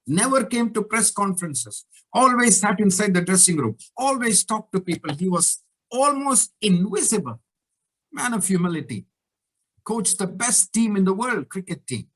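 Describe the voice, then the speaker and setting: A male coach educator gives a motivational talk that mixes a story with lessons. He speaks in an animated, emphatic way, stressing key words. His voice sits high for a man.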